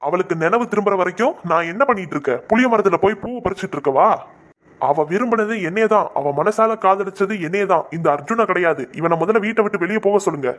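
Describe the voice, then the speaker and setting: A man's voice: high-pitched, fast talker, close to an everyday voice. A man voicing a pushy, cocky young rival suitor in a comic cartoon, brash and defiant.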